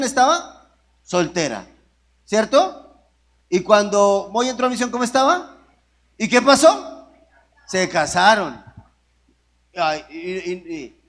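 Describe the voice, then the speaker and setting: A man's voice: extremely high pitch, a bit bright. A man preaching a sermon in a conversational way, often asking the congregation rhetorical questions. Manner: conversational, with restarts and jokes.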